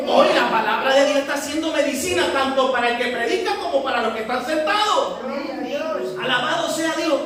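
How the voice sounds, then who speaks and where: Woman preacher, high voice, questioning the flock, distant mic in a booming hall. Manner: asks the congregation rhetorical questions; addresses listeners warmly as brothers and sisters. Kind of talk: teaching sermon. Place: large echoey church hall. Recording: echoey church hall from far off.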